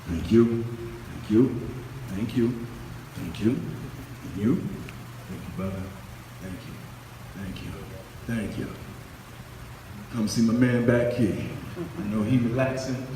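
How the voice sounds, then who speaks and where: A man's voice: lowish voice, mellow, a little hiss or hum. Earnest man speaking in an echoey hall. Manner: earnest, conversational, repeats words. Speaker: event speaker. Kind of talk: motivational speech to a live crowd. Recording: echoey hall, recorded from far off.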